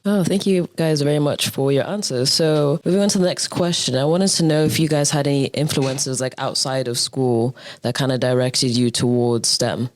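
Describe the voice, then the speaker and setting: A man hosting a student podcast in a relaxed, conversational way. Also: medium pitch, moderate pace, hardly any pauses. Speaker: podcast host. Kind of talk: casual podcast chat.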